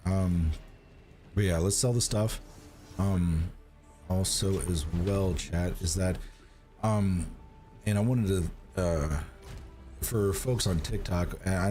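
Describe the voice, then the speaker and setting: A man streams a game while getting over a cold, chatting casually to viewers and rambling with lots of fillers and restarts. His deep, mellow voice is fairly even in intonation and a little slow, with faint music behind him.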